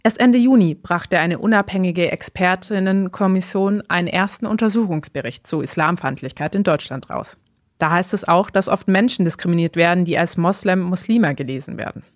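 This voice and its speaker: A woman hosting a podcast, reading scripted narration in a calm, even way. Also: fairly low pitch, brisk, dry recording, clean studio sound. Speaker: podcast host.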